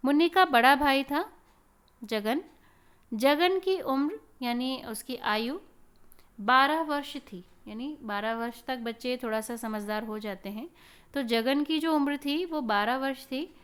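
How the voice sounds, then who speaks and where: A woman's voice: sits high, unhurried, a bit bright, clear, resonant tone. A woman telling a children's story in a teacherly way, stopping to explain words and to point to the pictures.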